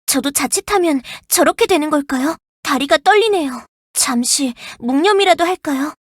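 A voice actress playing a young, earnest and protective firefighter in a game, polite and gentle, snapping into crisp radio-style reports. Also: female voice, high voice, expressive, normal speed, dry recording, clean studio sound. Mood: somber. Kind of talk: game character voice lines. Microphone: dry studio mic.

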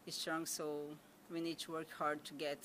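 A young Brazilian woman answers reporters from behind a stand mic in a press room, speaking English with her Brazilian accent. She talks in a fairly low voice, halting often, repeating words and filling gaps with "like." A faint hum sits under her. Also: little pitch movement, a bit bright. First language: Portuguese. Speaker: national team soccer player. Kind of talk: post-match press conference answers. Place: press conference room with sponsor backdrop. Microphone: stand mic in front of her.

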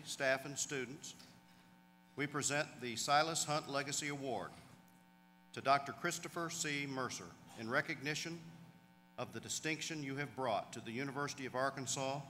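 A man's voice: mid-range voice, moderate pace, sharp tone. A middle-aged man reads out a formal award presentation at a podium microphone in a large hall. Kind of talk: formal scripted presentation, read out. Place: large banquet hall stage. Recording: echoey hall PA, faint hum.

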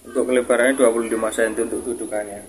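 Racing along in a flat, mid-range voice with a crowd audible behind him, a young man shows off a product informally for viewers, addressing them as "boss." This seller's review comes from a noisy home video marred by clicks.

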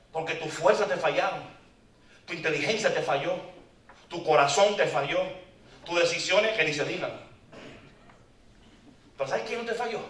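Animated male preacher in echoey hall. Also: a little high. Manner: animated, joking, calls out to the audience. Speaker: preacher at a men's conference. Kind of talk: lively sermon. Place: conference hall. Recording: echoey hall, mic far off.

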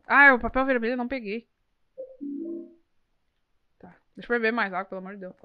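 A woman's voice: on the high side, fast, clean tone, no room sound, muffled recording, faint music behind. A young woman, giving live gameplay commentary, jumpy and exclaiming, swearing at enemies. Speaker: streamer.

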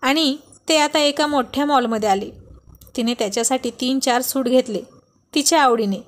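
A woman reading a romance story aloud in steady narration, slipping in English words. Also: high-pitched, moderate pace.

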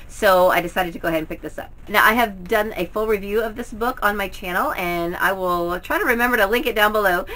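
Casting: middle-aged woman, bright forward voice, mid pitch, chatty home vlogger. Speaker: book haul vlogger. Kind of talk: casual, chatty book review to camera. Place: indoors at home, in front of bookshelves.

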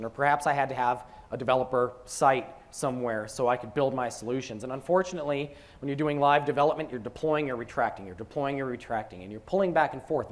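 A man presenting software at a conference, talking through a live demo with joking asides. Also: medium pitch.

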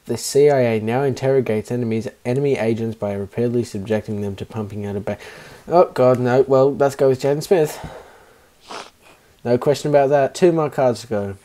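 A man hosts a casual online card game over voice chat, reading each card aloud between bursts of laughter. He teases the other players. His voice is mellow and a touch dark, at a middling pitch. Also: brisk. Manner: reads cards aloud, giggly and teasing. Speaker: game host reading cards.

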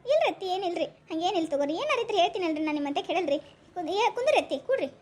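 A woman's voice: very high-pitched, very animated, racing, darkish tone. A woman with a North Karnataka Kannada accent playing a poor young village daughter-in-law who frets and deflects questions. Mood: deflecting. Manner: fretful, hesitant talk, deflecting questions. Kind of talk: village comedy skit acting.

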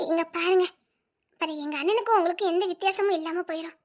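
A woman's voice: extremely high pitch, fairly even intonation, quick pace, background noise. A young woman acting a scared student who insistently refuses a man's advances, tearful at times, in a web drama. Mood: earnest. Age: young adult.

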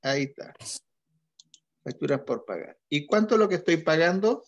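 Man as methodical accounting teacher, slightly high. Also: lively intonation, normal speed, highs cut off. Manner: questioning students, patient and methodical. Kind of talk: online class lecture.

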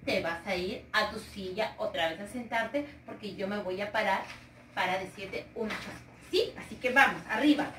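A woman's voice: medium pitch, normal speed, a bit bright, roomy sound, recorded from a distance, slight background noise. A woman teaching a remote lesson to young children, sweet, sing-song and coaxing. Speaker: preschool teacher.

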